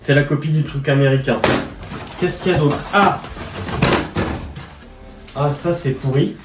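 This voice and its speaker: A man chatting casually as he unboxes parcels, slangy and quick to exclaim at each find. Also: fairly high pitch, loud music behind the voice. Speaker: collector unboxing militaria. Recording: echoey room, mic at a distance, noisy.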